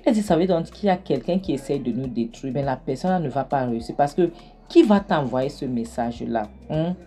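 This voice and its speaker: A woman's voice: very deep voice, expressive, brisk, warm tone, soft background music. A woman voicing a worried mother questioning her daughter.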